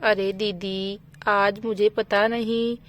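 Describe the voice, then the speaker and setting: A woman's voice: medium pitch, flat delivery, slow, natural voice. A woman voicing a sleepy, lazy young mother in a doll storybook, sounding drowsy and apologetic.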